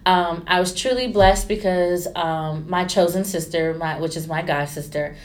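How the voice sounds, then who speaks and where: A woman, a stylist chatting candidly in an interview and acting out quotes with lively turns. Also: fairly low pitch, normal speed. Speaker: stylist and entrepreneur. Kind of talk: casual interview storytelling.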